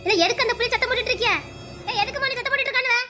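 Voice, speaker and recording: A woman playing a very high-voiced village woman. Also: fairly even intonation, sharp tone, faint music behind. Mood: puzzled. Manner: quick, wailing lament. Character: young village woman, wailing and fretful. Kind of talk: village drama acting.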